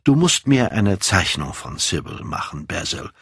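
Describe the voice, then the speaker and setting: A man's voice: low voice, big pitch swings, unhurried, gravelly, a bit bright, breathy edge, no room sound, studio quality, exaggerated voice. A man reading an audiobook, voicing a proud, secretive and volatile young man in a raised voice. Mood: evasive.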